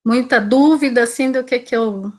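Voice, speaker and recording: At normal speed, her slightly high voice carries a darkish tone. The speaker is a Brazilian teacher in her forties from Salvador, Bahia, discussing her career in an informal online talk, conversational and frequently checking in with tag questions.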